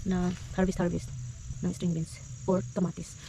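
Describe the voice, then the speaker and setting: A woman's voice: fairly low pitch, little pitch movement, moderate pace, noisy background. Chatty Bisaya woman vlogging outdoors. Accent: Filipino, Bisaya. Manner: chatty, addresses viewers as guys, mixes in English. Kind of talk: casual vlog talk to viewers while harvesting. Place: home garden and house.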